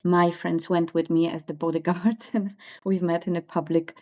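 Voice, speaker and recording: A woman, telling her life story as a podcast guest, pausing often with fillers and self-corrections. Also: lowish voice, little pitch movement, darkish tone. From Poland. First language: Polish. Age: 40s. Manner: thoughtful, pauses with many fillers and self-corrections. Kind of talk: interview storytelling.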